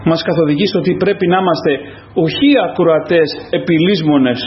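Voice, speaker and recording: A man preaching a fervent sermon as pastor, calling out to the congregation again and again. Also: on the high side. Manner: fervent, repetitive calls to the congregation. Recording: echoey, dull lo-fi church recording.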